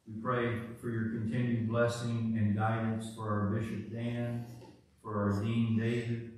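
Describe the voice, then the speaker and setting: A man leading church prayers in a solemn, deliberate way, pausing between phrases, heard with a cathedral echo. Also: medium pitch, little pitch movement, a little mellow. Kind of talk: slow, measured liturgical prayer. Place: large church. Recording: echoey church, mic far off.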